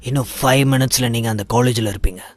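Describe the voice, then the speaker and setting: A man voicing a loyal male spirit from a coin who answers his boss calmly and obligingly. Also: medium pitch, quick pace, dry recording, natural voice.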